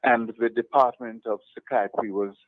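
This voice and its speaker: An older man from Trinidad, a psychiatrist, talks slowly and hesitantly as a guest on a phone interview. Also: medium pitch, fairly even intonation, no room sound. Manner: slow, hesitant, measured. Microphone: phone line. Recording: tinny phone line.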